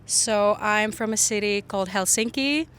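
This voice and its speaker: In a relaxed interview for a podcast, a young native Finnish speaker from Finland chats on a public bench outdoors beside a harbour. She has a mid-range, fairly bright, clear and resonant voice at a moderate pace, laughing frequently and saying "like" often.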